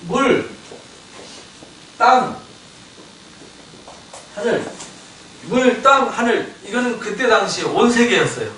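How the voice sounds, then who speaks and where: A male pastor giving a Bible lecture sermon, animated, acting out the voices of biblical figures and asking the congregation questions. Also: sits high, slow pace, long pauses, slight background noise. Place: church sanctuary. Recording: echoey church hall, mic at a distance.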